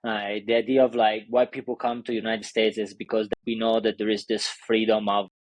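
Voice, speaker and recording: A man's voice: lowish voice, flat delivery, fairly quick, no room sound, rough recording. A man with an Italian accent speaking as a business coach in a casual interview, in loose non-native English full of fillers and restarts. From Italy.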